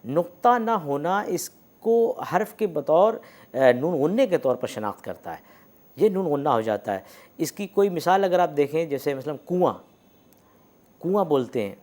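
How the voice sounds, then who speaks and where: Lively-voiced male lecturer. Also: fairly high pitch. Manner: explains slowly with many hesitations and demonstrated sounds. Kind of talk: academic lecture on script and pronunciation.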